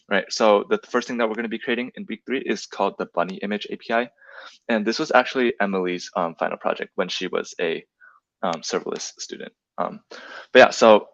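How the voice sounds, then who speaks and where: A man's voice: lowish voice, fairly bright tone, no echo. A young man presenting a program over slides in a casual way, with many fillers and tag questions. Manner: filler-heavy, often adds "right?". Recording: dull, lo-fi dry sound.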